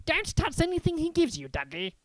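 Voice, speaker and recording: A reader voicing a pompous, blustering middle-aged man in a storybook, who barks sharp commands. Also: very high-pitched, wildly swooping pitch, brisk, pitched above the performer's own voice, exaggerated voice. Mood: panicked.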